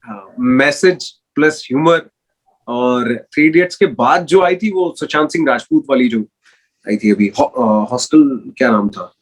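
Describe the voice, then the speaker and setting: A young man, a radio jockey, answering rapid-fire interview questions in a rambling, casual way, dropping in English words. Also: medium pitch, lively intonation, low-quality recording. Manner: rambling, self-correcting, mixes in English words.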